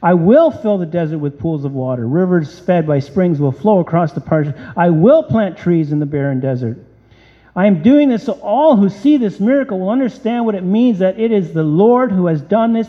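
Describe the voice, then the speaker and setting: A man preaching a sermon, reading scripture aloud and firing off rhetorical questions with animated emphasis. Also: high voice, normal speed. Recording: dull lo-fi sound with long hall reverb.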